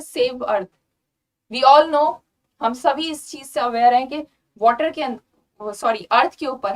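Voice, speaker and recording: High-voiced Indian woman teaching vocabulary. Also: recorded from a distance, rough recording. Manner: repeats words slowly and checks understanding with "clear?"; mixes English words and sentences into Hindi explanation. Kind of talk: online exam-prep lesson.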